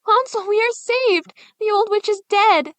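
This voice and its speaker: A woman's voice: extremely high pitch, normal speed, fairly bright tone, no room sound, voice pushed up. A woman reading as a frightened little girl. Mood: eager.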